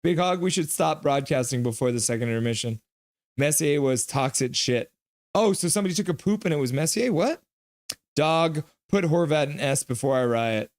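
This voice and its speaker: His voice sits a little high and sounds animated as he runs a live hockey stream. He reads viewers' comments out loud with casual jokes, then shifts into fast play-by-play.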